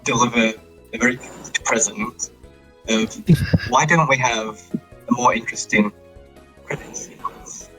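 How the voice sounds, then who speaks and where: A man telling a rambling story in quick bursts during a casual commentary over a weak call connection. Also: mid-range voice, sharp tone, soft background music, poor audio. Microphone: home mic on a weak call connection.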